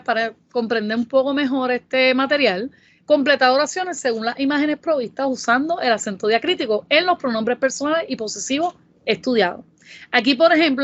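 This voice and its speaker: A woman with a Puerto Rican Spanish accent, narrating a Spanish grammar lesson in a careful, explanatory way and reading example sentences slowly. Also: high-pitched, a bit bright, no echo. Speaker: Spanish tutor. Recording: dull, dry voice-over.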